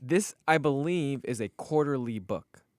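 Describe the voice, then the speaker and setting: A man's voice: mid-range voice, expressive, a little slow, no echo, clean studio sound. A man co-hosting a comic book podcast, chatting loosely with lots of laughs and swearing. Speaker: podcast co-host. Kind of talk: casual chat.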